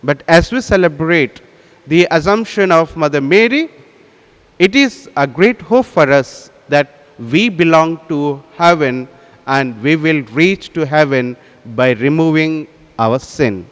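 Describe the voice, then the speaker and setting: A priest speaks into an altar microphone in a large cathedral. His voice is smooth and clear and sits a little high for a man. He intones in a solemn, measured way, with long reverb trailing off each phrase. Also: expressive. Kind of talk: presiding at Mass.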